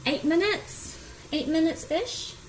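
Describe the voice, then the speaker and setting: A woman with a very high voice speaks unhurriedly in a broad New Zealand accent, hosting a relaxed cooking livestream and saying hello to viewers. It's recorded in her home kitchen on a phone at a little distance: echoey, with a sizzling pan, stirring and clear kitchen sounds behind her.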